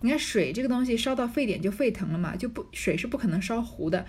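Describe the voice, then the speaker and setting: A woman narrating and explaining a classic novel in a relaxed, conversational way, with casual fillers. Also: fairly high pitch, fast, breathy edge. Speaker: narrator and commentator. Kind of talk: storytelling commentary on a classic novel.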